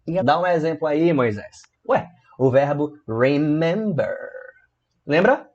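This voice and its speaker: A Brazilian English teacher runs a grammar video lesson, explaining things playfully and tossing questions at his viewers along the way. His voice is a little high, with the highs cut off, and he tells it as lively, playful storytelling full of rhetorical questions.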